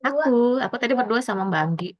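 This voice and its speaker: A woman's voice: on the high side, lively intonation, fast talker, dry recording. A woman trainee reporting on a video call in a chatty, informal way, often repeating herself. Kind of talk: group discussion report. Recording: dull dry video-call audio.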